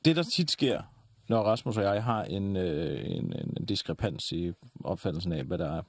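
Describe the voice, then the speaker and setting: A man talking casually as a guest, wry and quick to cut in. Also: sits low, big pitch swings, vocal fry, husky, no echo, clean studio sound. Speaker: guest in couples therapy session. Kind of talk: casual conversational chat.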